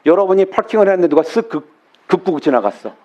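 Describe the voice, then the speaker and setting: Brief: man with a high voice, pastor giving a sermon from the pulpit, asks the church rhetorical questions, acts out little prayers. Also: sing-song, fast talker, darkish tone, lo-fi sound. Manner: asks the congregation questions and answers them; acts out short prayers and complaints in quoted voices.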